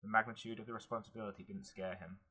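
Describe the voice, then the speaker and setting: A man reading a fantasy novel aloud in a steady, earnest manner. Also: on the low side, fast talker, breathy edge, poor audio. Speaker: audiobook narrator. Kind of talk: audiobook narration.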